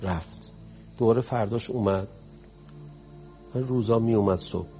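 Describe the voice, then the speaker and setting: A man's voice: lowish voice, warm tone, faint music behind. A man preaching a sermon, telling stories in a conversational way that rises to impassioned emphasis. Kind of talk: storytelling sermon.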